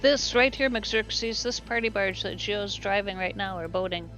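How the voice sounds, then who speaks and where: A woman's voice: mid-range voice, normal speed, a bit bright, faint music behind. A woman with a Minnesota accent co-hosting a game livestream, cheerfully reading out chat messages. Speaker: stream co-host.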